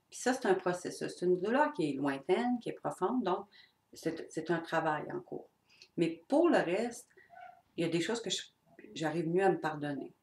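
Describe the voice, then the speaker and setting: A woman's voice: fairly low pitch, darkish tone. A middle-aged woman with a Québécois accent giving an unscripted, blunt and earnest talk on personal growth to her viewers. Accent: Québécois French. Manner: blunt and earnest, with swearing and mimicked voices. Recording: echoey room.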